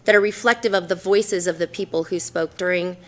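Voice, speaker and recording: Speaking briskly in a lowish voice, an Idaho woman in her forties presents formally in a city council chamber. She comes across as earnest, though her delivery is peppered with ums and she corrects herself along the way.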